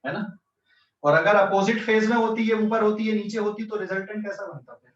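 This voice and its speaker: A man's voice: sits high, brisk. A man teaching physics in an online class, explaining step by step and checking often whether students follow, with a central Indian accent. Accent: Hindi-English mixed speech, central Indian. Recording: echoey distant lo-fi online class.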